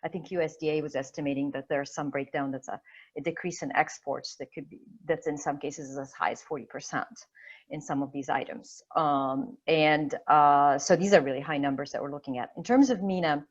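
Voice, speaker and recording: Low-voiced woman panelist on a call. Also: steady tone, fairly quick, dull audio. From Egypt. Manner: thoughtful, many fillers and restarts. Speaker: webinar panelist. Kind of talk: online panel discussion. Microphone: video call.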